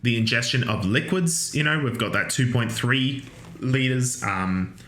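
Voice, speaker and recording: An Australian university lecturer, a man with a mid-range voice, gives an unhurried anatomy lecture in a bright, forward tone. His delivery is casual, drifting into fillers and restarts, with joking asides sprinkled in. The recording echoes like a large room.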